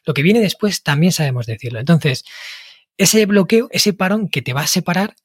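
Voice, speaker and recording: A man's voice: on the high side, lively intonation, normal speed, breathy edge, no echo, studio quality. A man hosting a podcast interview, explaining ideas in a chatty, thinking-aloud way. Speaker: podcast host.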